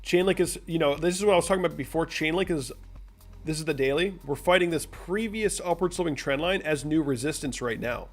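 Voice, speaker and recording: A man's voice: on the high side, a little fast, faint music behind. A young man from the United States hosting a casual livestream, talking through charts and answering viewers' chat messages. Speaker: crypto livestream host.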